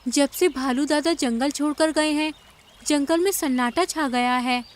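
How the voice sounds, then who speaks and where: High little cartoon sparrow girl, sweet and chirpy, a woman doing her. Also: measured pace. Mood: sad. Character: small cheerful female sparrow.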